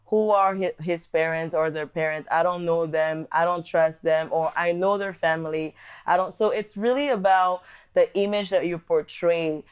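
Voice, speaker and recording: A young adult Congolese woman from the DRC, hosting a vlog, thoughtfully reflects to camera on her childhood. The lo-fi audio carries her smooth, steady voice, which sits on the low side; she is earnest and measured and restarts from time to time.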